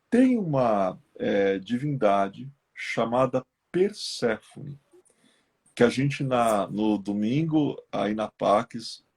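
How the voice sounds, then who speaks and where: A man's voice: medium pitch, gravelly, slightly rough. A man with a Brazilian Portuguese accent, teaching about esoteric lore in a live-stream chat. He tells old myths as stories, often checking in with his listeners. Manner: lively explainer who acts out myths in quoted voices, with frequent tag questions. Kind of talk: storytelling lecture in a live chat.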